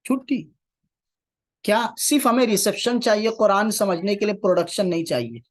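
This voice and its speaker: Guy teaching a class, keeps repeating the main points and asking the class questions. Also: sits high. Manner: repeats key phrases, asks the class rhetorical questions. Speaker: Quranic Arabic teacher. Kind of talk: classroom lecture.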